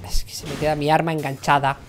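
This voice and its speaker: A woman's voice: sits low, flat delivery, quick pace, soft background music. A young woman with a Spain Spanish accent chatting and complaining dramatically while streaming a game, swearing freely. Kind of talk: live game stream commentary.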